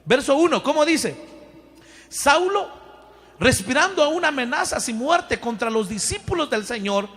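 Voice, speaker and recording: Fervent high-pitched preacher in a hall. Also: male voice, very animated, unhurried. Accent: Mexican Spanish. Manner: fervent, shouting, calls congregation to repeat. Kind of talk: sermon.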